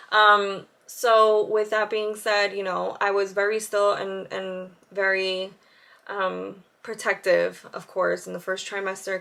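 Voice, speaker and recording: A woman in her thirties talks to her camera in a relaxed, chatty vlog. Her voice is bright and sharp, and she laughs easily and fills her pauses with ums. She keeps talking while she does her makeup. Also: medium pitch. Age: 30s. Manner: chatty, laughs often, many fillers. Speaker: vlogger. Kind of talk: casual chat to camera. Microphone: camera with side viewfinder.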